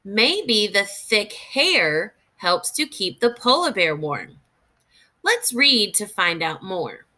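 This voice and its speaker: A teacher reads a kids' nonfiction book aloud; her voice sits at medium pitch. She is deliberate and expressive, stopping to voice her thoughts for young learners.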